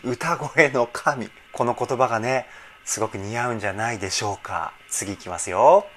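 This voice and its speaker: A man's voice: medium pitch, normal speed, over music. A man working as a vocal trainer, giving effusive reaction commentary on a song. He breaks into exclamations between short analytic remarks. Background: faint song playing.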